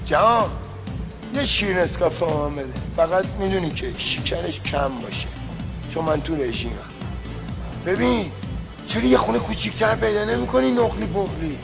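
A man's voice: sits high, animated, creaky. An actor playing a pushy man who hands out bossy advice in a film drama. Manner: bossy, know-it-all advice. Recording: film soundtrack with music.

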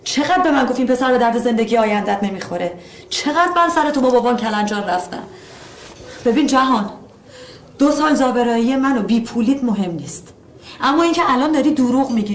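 A woman's voice: a little high, lively intonation. Hurt, confronting young woman. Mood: reproachful. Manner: reproachful, confronting. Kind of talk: film drama acting. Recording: roomy film sound with faint noise.

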